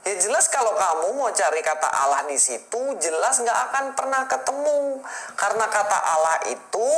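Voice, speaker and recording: A woman's voice: mid-range voice, reverberant, poor audio. A woman explaining a point in an argument, scolding the person she is answering and addressing him directly.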